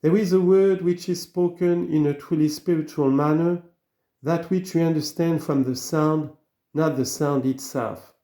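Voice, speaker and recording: A man giving a slow, earnest reading of an old sermon, full of rhetorical questions. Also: a little high, fairly even intonation, warm tone, echoey room. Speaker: reader of sermons.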